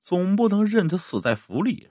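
A man's voice: sits high, sing-song, normal speed, a little mellow, no echo, voice pushed up. A man doing a fretful noble wife. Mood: urgent. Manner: urgent and fretful. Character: anxious middle-aged noblewoman, the squire's wife.

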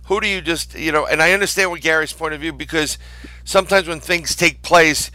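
A male podcast host with a bright voice and a dry, close sound chats casually, his talk full of fillers and quick nods of agreement. His pitch sits a little above average. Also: no room sound, rough recording. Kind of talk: casual interview chat.

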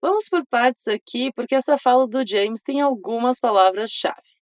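A woman giving a scripted English lesson, modeling phrases slowly and encouraging the listener to repeat. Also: on the high side, dry recording. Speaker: English teacher.

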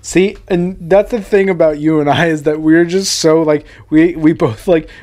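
A young man with a somewhat high voice, teasing his co-host in casual podcast banter. He argues playfully and swears freely. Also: steady tone, normal speed, a little mellow. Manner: teasing, argumentative, profane. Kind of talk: casual chat.

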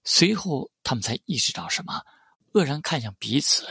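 Gravelly, bright male storyteller. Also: mid-range voice, big pitch swings, moderate pace, dry recording, clean studio sound. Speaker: narrator. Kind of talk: audiobook narration of a web novel.

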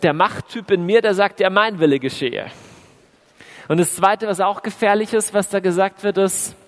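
A man preaching a sermon to a congregation, urging them directly, sometimes loud and emphatic, sometimes quiet and solemn. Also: high voice, fairly even intonation, normal speed. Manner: addresses the congregation directly and warmly. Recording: long hall reverb.

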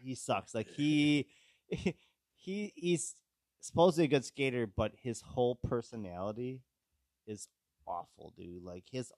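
A man in loose podcast banter, rambling and swearing freely as he trips over his own sentences. His voice sits at an ordinary middle pitch, and it is recorded dry and close, with no room sound. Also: a little slow, a little mellow, dry recording. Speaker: podcast co-host. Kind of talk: casual chat.

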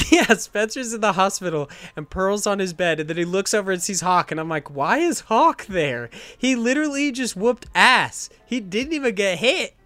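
A man's voice: high voice, lively intonation, moderate pace, hardly any pauses, sharp tone, soft background music. A man co-hosting a podcast, recapping a movie in a sarcastic, profane, rambling way. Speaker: podcast co-host reviewing a movie. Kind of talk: casual chat.

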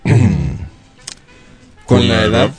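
A man's voice: drawn-out words, faint music behind. A man, a podcast guest who makes laid-back jokes in casual chat. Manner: joking, laid-back quips.

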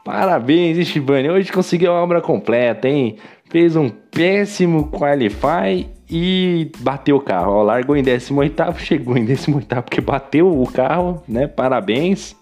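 Brazilian male podcast host, casual ribbing race recap, mellow voice, faint music behind. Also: fairly high pitch, expressive, moderate pace. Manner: teasing, chatty, addresses drivers directly. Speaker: podcast host recapping a sim racing league.

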